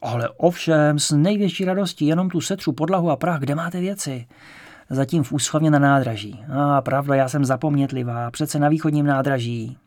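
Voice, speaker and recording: Pitching his near-everyday voice on the high side, a male audiobook narrator takes on the role of a chatty little landlady around seventy years old. Her manner starts out careful and fussy before growing eager and warm.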